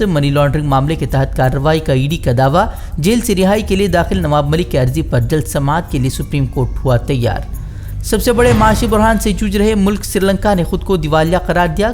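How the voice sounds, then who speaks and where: Over news background music, a male presenter reads scripted speed headlines in a slightly high, slightly mellow voice. There's a little hiss or hum on the recording.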